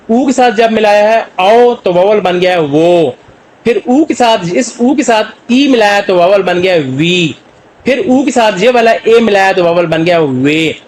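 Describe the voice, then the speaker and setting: High-voiced man teaching Korean vowels. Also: slight background noise, rough recording. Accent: Pakistani Urdu. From Pakistan. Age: middle-aged. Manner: explains slowly, with many fillers and repeated questions to students; draws out demonstration sounds. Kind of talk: recorded language lecture.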